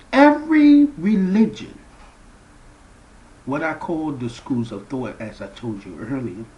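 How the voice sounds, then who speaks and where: Slow, animated man preaching to viewers. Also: low-quality recording. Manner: slow, emphatic preaching with big swings in pitch and loudness. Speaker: founder of a spiritual movement. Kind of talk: spiritual address to viewers.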